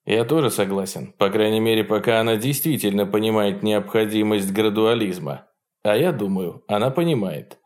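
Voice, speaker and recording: A dry, faintly ironic political leader with a paranoid streak, as a male audiobook reader puts him on. His voice is low and his tone stays flat and wry. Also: moderate pace, lightly acted.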